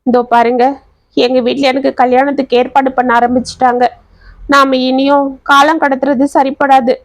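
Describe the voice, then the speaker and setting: A woman's voice: high voice, level tone, normal speed, dry recording. A woman voicing a tearful, pleading young woman in love.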